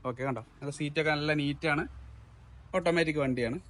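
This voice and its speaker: Male vlog host, Kerala accent, slightly high voice, Malayalam peppered with English, echoes and checks each detail conversationally. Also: brisk, fairly bright tone, a little hiss or hum. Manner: Malayalam mixed with English words; repeats answers back and checks with questions. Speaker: car showroom video host. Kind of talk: casual vlog interview about used cars.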